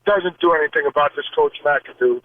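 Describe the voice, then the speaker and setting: Upset caller guy on a tinny phone line, kinda high voice, keeps repeating himself. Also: a little fast, dry recording. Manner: upset, repetitive. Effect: phone call on radio. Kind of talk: call-in radio.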